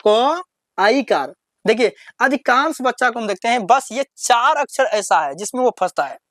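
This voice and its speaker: A woman teacher, giving a step-by-step lesson for children. She quizzes the listener and then drawls out each syllable slowly. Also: a little high, lively intonation, a bit bright, no room sound.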